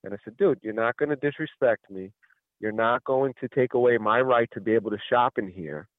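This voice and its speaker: A man calls in to a radio show and tells a long, rambling story, acting out what everyone said. His voice sits at an ordinary middle pitch and comes through a tinny phone line. The sound is dry and close. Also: a little fast, dry recording. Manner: rambling storyteller who acts out quoted exchanges. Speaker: caller. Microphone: telephone.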